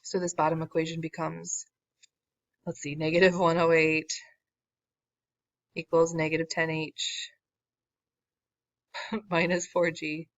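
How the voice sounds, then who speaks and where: Her voice sits low and level as she moves slowly through a word problem, pausing often. This woman is a math teacher in a recorded lesson, easygoing and wry, making fun of herself as her voice wears out. The recording is dull, lo-fi and dry, with no room sound.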